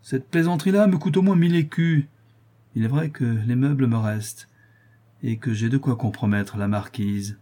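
A man's voice: medium pitch, normal speed, mellow, natural voice. A man voicing a vain, flippant rich dandy who mocks and chatters, in an audiobook reading. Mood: musing. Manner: flippant and mocking.

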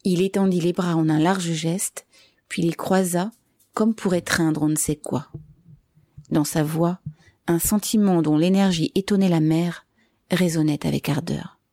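A woman narrating a novel aloud in a measured, clear storytelling manner. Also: lowish voice, steady tone, warm tone, no room sound, studio quality. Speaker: reader. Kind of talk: scripted narration.

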